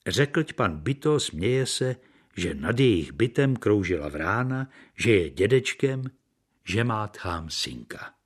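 A man narrating a classic novel as an audiobook, in a calm, measured reading. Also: on the low side, slightly rough.

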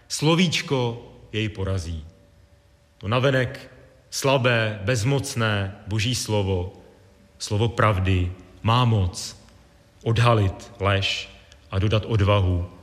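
A man preaching a sermon in a measured, deliberate way with pauses. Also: fairly low pitch. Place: church. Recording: long reverb of a church.

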